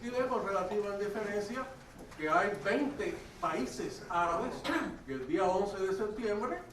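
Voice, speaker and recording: A man's voice: sits high, lively intonation, unhurried, a bit bright, slight background noise. A man in the audience of a conference making an insistent, emphatic argument, heard from a distance in a hall. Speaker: audience member commenting. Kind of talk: impassioned audience comment. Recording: echoey hall from afar, crowd behind.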